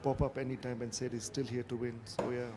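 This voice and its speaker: A man's voice: mid-range voice, flat delivery, a little fast. A man giving live darts commentary as one of a pair of commentators. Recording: clearly noisy live event sound.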